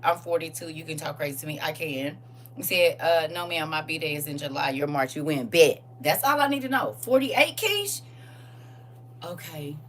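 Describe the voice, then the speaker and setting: A woman in her forties hosting a casual livestream, animated and teasing as she reads viewer comments aloud. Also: low voice, moderate pace, far from the mic, slight background noise.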